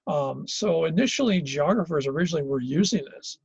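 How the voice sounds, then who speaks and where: A man's voice: fairly high pitch, lively intonation, brisk, creaky, darkish tone, slightly rough, no echo, lo-fi sound. A man teaching a college geography class in Hawaii, lecturing conversationally with lots of fillers and restarts. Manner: conversational, thinks aloud with many fillers and restarts.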